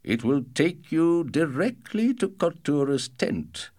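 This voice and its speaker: Man doing an old father, slow and earnest, voice pitched a bit higher than his own. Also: sing-song, a little mellow, full character voice.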